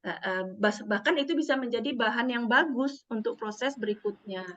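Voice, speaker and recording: A woman's voice: on the high side, moderate pace, slight background noise. A middle-aged woman psychologist, telling stories in a parenting seminar and acting out the dialogue. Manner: animated, acts out quoted dialogue. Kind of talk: storytelling seminar talk. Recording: dull muffled lo-fi sound.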